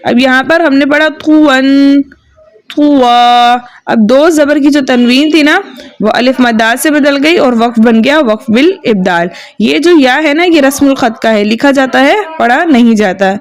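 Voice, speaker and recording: A woman teaching Quran reading, drilling syllables in patient call-and-response. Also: high voice. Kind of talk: slow drilled reading lesson.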